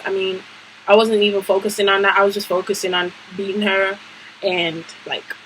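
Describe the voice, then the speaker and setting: A young adult woman vlogger telling a story in a lively, emphatic, slang-heavy casual way. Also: medium pitch, rough recording. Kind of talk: storytime vlog.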